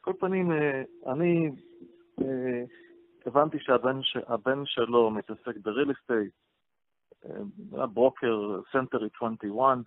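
A man's voice: mid-range voice, no echo. A man, a rabbi, telling a long story on a radio show, hesitant, with many fillers and restarts. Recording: tinny phone-line radio audio.

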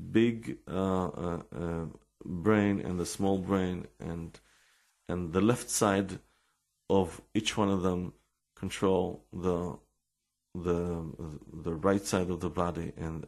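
An Israeli-accented man's voice sits low, gravelly and a little mellow as he delivers a casual religious talk built around personal stories. He frequently halts and says words twice while searching for English phrasing.

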